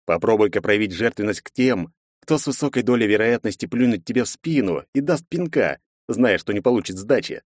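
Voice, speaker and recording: A man narrating a fantasy audiobook in the first person, measured and reflective. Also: on the low side, expressive, dry recording, clean studio sound.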